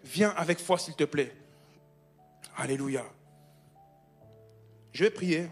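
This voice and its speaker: A male preacher with a high voice delivers a fervent sermon in a church. He repeats phrases for emphasis and calls out hallelujah often. Soft music plays behind him. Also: animated, slow pace, slightly rough.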